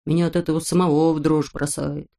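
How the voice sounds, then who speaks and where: A woman's voice: low-pitched, level tone, quick pace, vocal fry, warm tone. A woman voicing a sour little boy who grumbles and complains. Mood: grumbling.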